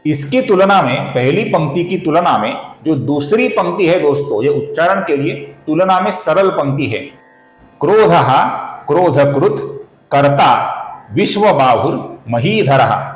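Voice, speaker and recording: Male spiritual teacher, earnest lesson delivery, drawn-out chanting, faint music bed. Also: on the high side, animated, echoey room, poor audio. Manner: slow, drawn-out chanting of verse words; addresses viewers as friends, earnest explaining. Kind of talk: Sanskrit recitation lesson.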